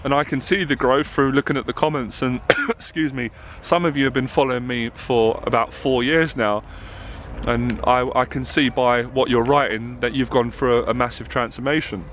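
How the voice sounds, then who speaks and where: A man's voice: mid-range voice, fairly even intonation, normal speed, a bit bright, a little hiss or hum. A man who coaches confidence, talking openly to camera and getting passionate and emotional. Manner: open and emotional, growing passionate. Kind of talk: candid talk to camera. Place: outdoors in a town.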